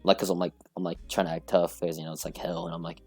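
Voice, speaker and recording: A man's voice: sits low, level tone, fast talker, creaky, husky, dry recording, soft background music. A young man telling a long rambling story in casual podcast chat, full of fillers and laughter. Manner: rambling, filler-heavy, laughs through stories. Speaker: podcast guest.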